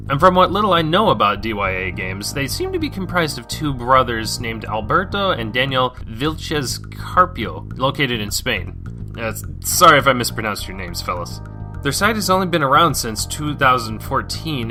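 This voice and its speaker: A man narrating a video game review with joking asides and playful commentary. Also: mid-range voice.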